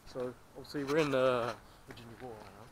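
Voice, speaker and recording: A man's voice: mid-range voice, steady tone, quick pace, a crowd in the background, low-quality recording. A young man chatting on a vlog outdoors, laughing often and swearing casually. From England. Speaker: vlogger. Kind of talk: casual chat. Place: outdoors in woods and on a station platform.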